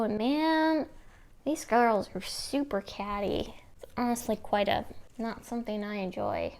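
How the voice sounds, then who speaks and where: A woman with a fairly high, creaky, slightly mellow voice chats casually while doing a makeup tutorial. She's a makeup vlogger, and her talk rambles in an informal, self-deprecating way.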